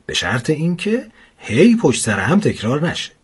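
A man voicing a cheerful female village schoolteacher who talks gently and teases the children kindly. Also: fairly high pitch, wildly swooping pitch, husky, exaggerated voice. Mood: gentle. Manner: gentle, patient, teasing.

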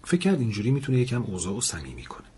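A man's voice: lowish voice, husky. A man telling a story aloud, narrating and voicing the people in it. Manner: lively storyteller, voices the characters in dialogue. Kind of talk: storytelling narration with character voices.

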